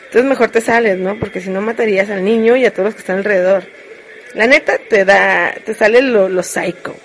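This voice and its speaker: A woman's voice: mid-range voice, a little fast, a little hiss or hum. A woman with a Mexican accent chatting casually and frankly to live viewers, joking as she rambles through her confessions. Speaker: streamer.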